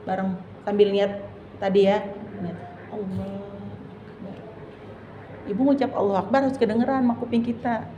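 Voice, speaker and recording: A woman religious teacher, giving a lesson to women, asking questions and drawing out recited phrases slowly. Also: mid-range voice, noisy background. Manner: drawn-out demonstrative recitation, asks the audience questions. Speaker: Islamic teacher. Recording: distant echoey hall, dull lo-fi sound.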